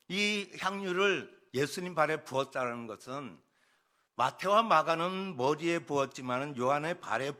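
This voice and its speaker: A male pastor giving an early-morning sermon, rising to loud exhortation and then dropping to quiet, intimate tones. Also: medium pitch.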